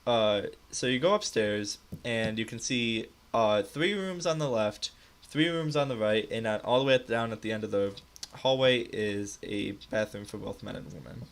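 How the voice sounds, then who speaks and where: A man's voice: fairly low pitch, normal speed. A young man narrating as game master in a live tabletop game, loose and rambling with lots of fillers.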